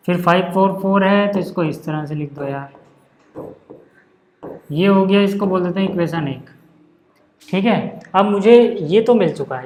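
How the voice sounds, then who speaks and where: Male maths teacher, high voice, roomy echo, casual chatty explaining. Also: a little hiss or hum. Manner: chatty, keeps checking in with the class. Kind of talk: casual classroom lesson.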